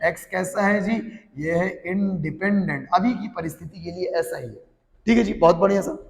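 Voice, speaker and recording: A man's voice: sits high, normal speed, creaky, roomy sound, big-room sound. A man teaching a physics class, answering his own playful questions in a call-and-response way. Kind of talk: classroom lecture.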